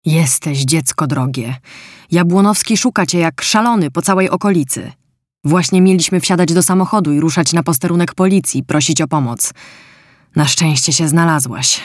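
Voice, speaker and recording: A storyteller voicing a sharp, suspicious woman who speaks curtly and hisses her replies. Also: mid-range voice, expressive, brisk, hardly any pauses, no room sound, studio quality, natural voice. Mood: relieved scolding. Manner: hissing, curt.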